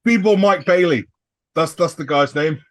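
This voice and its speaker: Easygoing co-host, mid-pitched, wry asides, casual podcast. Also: male voice, normal speed. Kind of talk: casual wrestling podcast chat.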